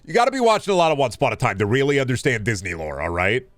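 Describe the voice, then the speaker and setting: A video game streamer with a mid-pitched voice chats casually to his audience, rambling haltingly, looping back and repeating phrases. His pitch swings widely, the sound is dry without room echo, and faint music plays behind him.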